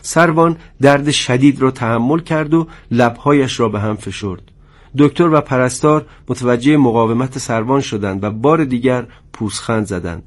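A male narrator reading a dramatic story. His delivery is measured and tense, at a middle pitch.

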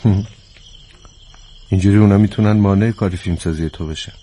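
An actor dubbing a cautious, worried male colleague who reasons calmly but fearfully. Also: low-pitched, husky. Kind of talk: dubbed film acting.

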